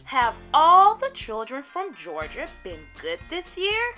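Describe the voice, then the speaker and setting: Storybook Santa Claus, performed by a woman: old man, hearty and booming, animated delivery, unhurried. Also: soft background music, full character voice. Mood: booming, questioning.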